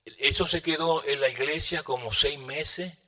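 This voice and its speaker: A man preaching a sermon, telling a testimony dramatically and moving between loud bursts and hushed asides. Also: a little high, unhurried.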